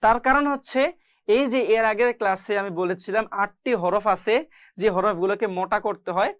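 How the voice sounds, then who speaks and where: A woman teaching Quran reading in a slow lesson, patiently repeating each syllable in drills. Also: medium pitch, no echo, clean studio sound. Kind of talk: slow step-by-step recitation lesson.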